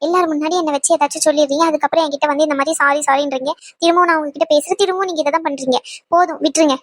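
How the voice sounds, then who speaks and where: A woman's voice: high voice, fairly even intonation, no echo, natural voice. A woman voicing a young wife in a cartoon who scolds her husband in a hurt, indignant way. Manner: reproachful, rapid and indignant. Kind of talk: cartoon voice acting.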